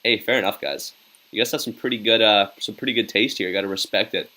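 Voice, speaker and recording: This young man's fairly low, sharp voice moves fast as he runs a casual hockey-game reaction stream. Full of chatty energy, he reads comments from viewers aloud, hypes them up, and keeps tossing in "yo."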